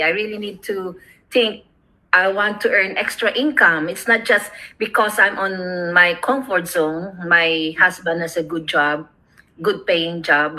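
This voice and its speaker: A woman's voice: lowish voice, sharp tone, poor audio. A middle-aged woman from the Philippines, hosting a casual chat over a video call, rambling and laughing often. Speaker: host.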